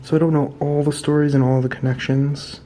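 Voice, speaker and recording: A man giving a casual vlog tour in a hushed, low-key way that often drops toward a whisper, speaking indoors as an investigator and host. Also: flat delivery, fairly quick, a little hiss or hum. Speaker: paranormal investigation vlogger, host. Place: indoors in an old house.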